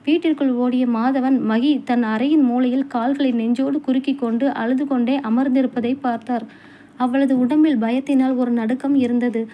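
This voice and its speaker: High-voiced woman narrating a story. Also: fairly even intonation, normal speed, muffled recording. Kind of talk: scripted narration.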